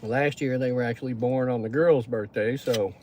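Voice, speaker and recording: A man's voice: medium pitch, steady tone, moderate pace, darkish tone, a little hiss or hum. A Texan man hosting a casual livestream, chatting in a folksy way and greeting viewers by name. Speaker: livestream host. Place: pickup truck.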